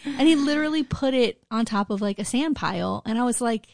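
A woman's voice: a little high, expressive, a little fast, gravelly, a little mellow, dry recording, clean studio sound. A middle-aged woman co-hosting a podcast in casual, candid chat, blunt and sweary, her throat strained from screaming all day. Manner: blunt, profane, uses "like" constantly. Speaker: podcast co-host.

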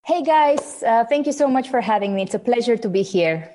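A woman's voice: fairly high pitch, lively intonation, brisk, dark tone. A woman from Bulgaria, a guest on a podcast, chatting about her life and work with easy fillers. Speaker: podcast guest, web developer. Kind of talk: casual interview answers.

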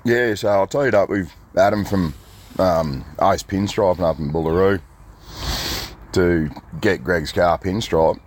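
Laid-back deep-voiced Australian man telling yarns. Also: measured pace. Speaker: interview guest. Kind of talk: casual anecdotal chat.

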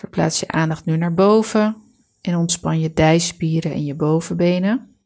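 A woman with a lowish voice and a gravelly creak leads a guided meditation. Her delivery is calm and soothing, with each instruction measured out for relaxation.

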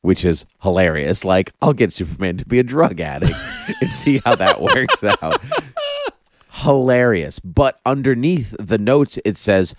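A man's voice: on the low side, wildly swooping pitch, a little slow. A man hosting a casual, enthusiastic chat, repeating phrases for emphasis. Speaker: podcast host. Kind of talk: casual chat about comic-book TV.

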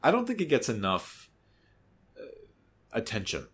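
A man in his thirties hosting a podcast, talking in a casual, animated way, swearing freely and restarting often. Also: mid-range voice, normal speed, slightly rough. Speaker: podcast host. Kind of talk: casual chat.

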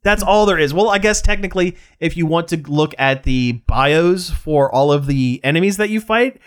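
A man's voice: on the high side, animated, moderate pace. Chatty man on a podcast. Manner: rambling, restarts, reads aloud. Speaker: podcast co-host. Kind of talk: casual chat.

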